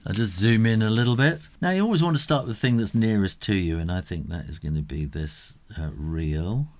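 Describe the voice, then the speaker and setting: A middle-aged man with a lowish voice walks through a drawing step by step in a casual tutorial. He's unhurried and thinks aloud as he works.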